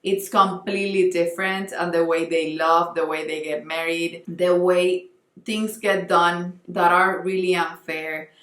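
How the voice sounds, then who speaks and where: A woman's voice: on the low side, level tone, measured pace, a bit bright, echoey room. A young Colombian woman with a Spanish accent, talking earnestly in a casual book vlog and often restarting as she searches for words. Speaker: book vlogger.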